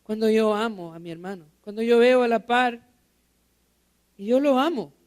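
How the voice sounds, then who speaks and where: Very high-voiced male pastor preaching. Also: moderate pace, darkish tone, smooth. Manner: asks the congregation rhetorical questions and repeats key phrases. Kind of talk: sermon. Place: church.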